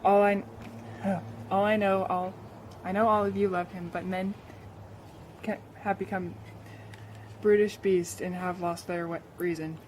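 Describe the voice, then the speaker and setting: A woman playing a grieving friend of a slain queen, a sly orator who speaks haltingly, in an amateur play. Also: medium pitch, steady tone, darkish tone, slight background noise, close to an everyday voice. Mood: mournful. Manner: halting, hesitant speech-making.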